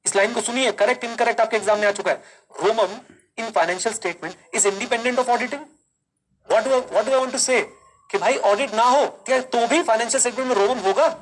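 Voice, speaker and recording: A male teacher giving a live online class, speaking slowly and deliberately, repeating key lines, quizzing students and mixing Hindi with English. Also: high voice, poor audio. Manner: mixes Hindi and English, calls students kids.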